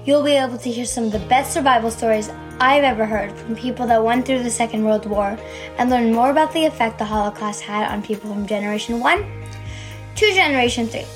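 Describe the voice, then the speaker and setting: A woman's voice: fairly high pitch, brisk. A woman hosting a podcast, reading a prepared introduction. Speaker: podcast host. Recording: podcast intro over music.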